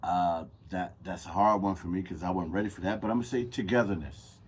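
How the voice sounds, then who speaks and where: Deep-voiced man co-hosting a chat. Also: a little fast, breathy edge. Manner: relaxed, loose and conversational. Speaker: podcast co-host. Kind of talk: casual chat.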